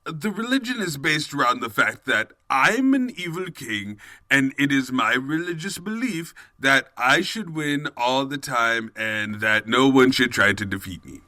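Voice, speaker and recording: A man's voice: medium pitch, expressive, unhurried, pushed and bright, no echo. A man playing an evil, scheming, cowardly pony king in a comedic audio drama, pompous and melodramatic. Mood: evasive excuses. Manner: pompous, melodramatic, slipping into evasive excuses. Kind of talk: comedic fan fiction audio drama acting.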